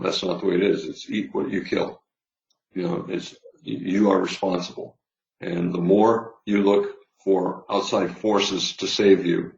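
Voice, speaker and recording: A man's voice: deep voice, gravelly, darkish tone. A man teaching trading in a casual, rambling way, full of fillers and restarts, while losing his voice. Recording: roomy, slightly dull sound.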